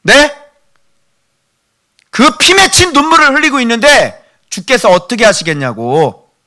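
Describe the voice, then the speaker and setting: A middle-aged man preaching a sermon as pastor. He drops to hushed whispers, then rises to loud pleading, and keeps asking the congregation rhetorical questions. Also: very high voice, very animated, measured pace.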